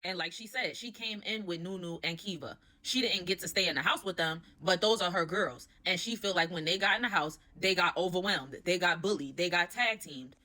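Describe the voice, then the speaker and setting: Brief: young woman, quick and bright, gossipy reality-show recapper, slangy, opinionated. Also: lowish voice.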